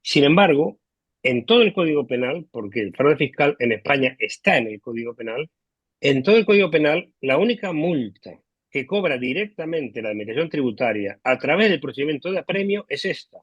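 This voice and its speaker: A man on a video call explaining tax law in a measured way, hesitating often with "eh", over low quality stream audio. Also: animated, breathy edge, no echo. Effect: low quality stream audio, connection dropping. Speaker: legal expert guest. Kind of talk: explaining law in a remote interview. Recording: dull lo-fi online call audio.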